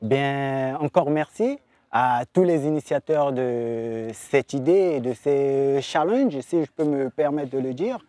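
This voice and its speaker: A man from the Republic of the Congo, a music artist giving an earnest, reflective and deliberate interview statement. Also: mid-range voice, warm tone, no room sound.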